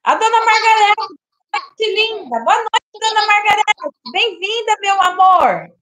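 A woman hosting a casual live stream, exclamatory and quick to laugh, greeting viewers by name. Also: very high voice, lively intonation, fairly bright tone.

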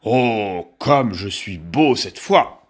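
A man's voice: fairly low pitch, animated, extremely slow, voice pushed down. A man voicing a vain, fussy male wolf who grumbles and exclaims his complaints in a storybook reading. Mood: delighted.

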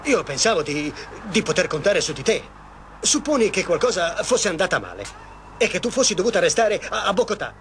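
Soap opera crook: middle-aged, bossy, short-fused, high-pitched voice, old noisy TV soundtrack. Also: male voice, sing-song, fairly quick, fairly bright tone. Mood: angry, menacing. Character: domineering, short-tempered middle-aged male lover and crook. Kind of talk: dubbed TV soap opera acting.

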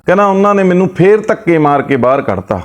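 A man's voice: sits high, big pitch swings, fast talker. A man, retelling another man's family story and relaying his words with repeated "he says".

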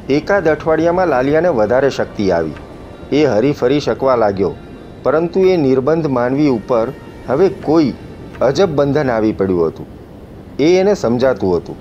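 A man narrating a literary novel as an audiobook, in a measured, reflective way with rhetorical questions. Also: medium pitch, darkish tone. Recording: muffled audiobook recording with faint music.

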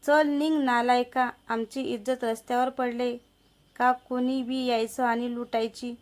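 A woman's voice: on the high side, level tone, measured pace, natural voice. A woman voicing a poor, hardworking village wife who pleads and stands firm in a story. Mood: defiant. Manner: pleading, defiant.

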